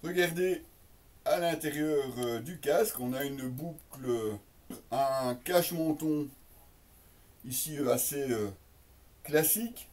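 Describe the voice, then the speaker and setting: Far from the microphone, a man with a slightly high, darkish voice talks slowly and leaves long pauses. As a product reviewer, he unboxes something casually, explaining on the fly in a hesitant way while addressing viewers directly.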